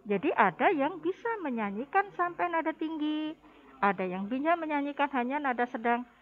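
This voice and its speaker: A woman teaching a music lesson with a high, light voice. She speaks slowly and patiently and explains each point step by step to her pupils. The recording sounds dull and lo-fi.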